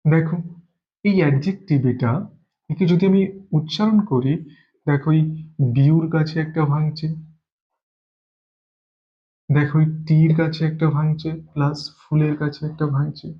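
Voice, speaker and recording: A man's voice: on the high side, fairly even intonation, unhurried, pauses often, highs cut off. A man from Bengal teaching an English grammar lesson, explaining step by step and repeating key words as he goes.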